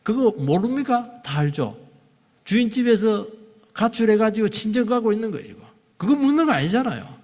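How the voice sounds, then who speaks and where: A middle-aged male pastor delivers a sermon in a church sanctuary, his fairly high voice swinging widely in pitch. He acts out quoted dialogue with shifting voices. A husky edge sits on his voice, and the long reverb of the hall trails behind him. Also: sing-song, normal speed, darkish tone.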